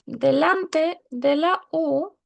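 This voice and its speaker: A woman's voice: high-pitched, drawn-out words, gravelly. A woman teaching a language class online, patiently repeating words and checking that students follow.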